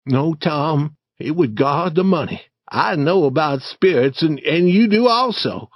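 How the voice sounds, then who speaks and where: Man doing a nervous kid, bit higher voice, stammers, dry dull sound. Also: lively intonation, measured pace, no echo. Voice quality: slightly raised pitch. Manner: hesitant, stammers when scared. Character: timid boy, nervous sidekick. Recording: dry, slightly dull recording.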